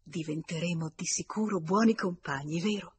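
A woman reading aloud, giving voice to a lively young lady who exclaims brightly and speaks up over the narration. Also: normal speed, slightly rough. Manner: bright, exclaiming, louder and higher than the narration.

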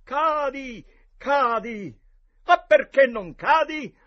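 Guy doing a bossy kid playing an outlaw, high and shouty, big swings. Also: lively intonation, moderate pace, lo-fi sound. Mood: arguing. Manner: shouty, dramatic, theatrical. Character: boisterous boy playing outlaw hero.

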